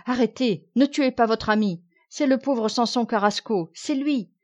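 Scared squire begging, high and pushy, lo-fi muffled audio, woman doing it. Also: moderate pace, darkish tone, lightly acted. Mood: pleading. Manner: pleading, insistent. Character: frightened male squire, pleading and urgent.

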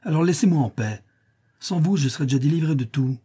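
A man's voice: expressive, brisk, mellow, slightly rough. A man doing a bitter, despairing young man. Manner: bitter, low and weary.

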